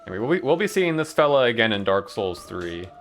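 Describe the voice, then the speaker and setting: A man's voice: on the low side, sing-song, fast talker, soft background music. A young man streaming a video game, chatting casually in a rambling, profane way and chuckling often. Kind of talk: casual chat while playing a game live.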